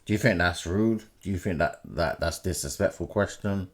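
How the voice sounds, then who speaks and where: Low voiced guy doing a reaction vid, keeps saying people, casual chat. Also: normal speed. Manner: repetitive, keeps addressing viewers as people. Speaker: reaction video host.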